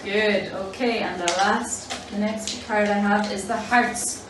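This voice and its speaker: A woman's voice: mid-range voice, fairly even intonation, slow pace. A woman demonstrating an exercise game for children, giving simple, encouraging instructions. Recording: roomy, distant mic with clear background noise.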